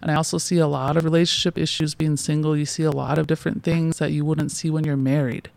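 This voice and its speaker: A woman in her forties, a guest in a casual interview, rambles in loose sentences full of fillers and restarts, often laughing between thoughts. Her voice sits low and creaky with a darkish tone, delivered flat and fast on a dry recording.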